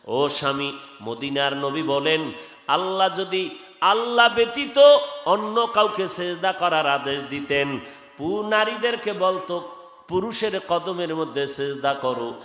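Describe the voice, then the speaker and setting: Chanting preacher, echoey hall. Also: male voice, fairly high pitch, animated, a little slow. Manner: chanting melodic sermon delivery, rising to loud calls. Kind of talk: sung waz sermon. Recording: echoey hall with faint music.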